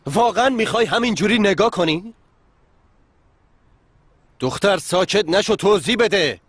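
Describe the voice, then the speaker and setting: A man's voice: sits high, animated, a bit bright, husky, no room sound, full character voice. A man dubbing a young husband who insistently demands answers from his wife. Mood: angry. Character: young husband, angry and suspicious. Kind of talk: TV drama dub.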